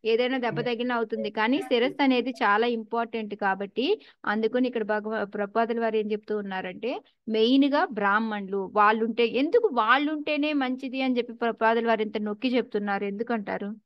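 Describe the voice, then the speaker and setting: A woman's voice: fairly high pitch, brisk, no room sound, lo-fi sound. Telugu woman teaching a scripture class. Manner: asks the class questions, mixes in English words.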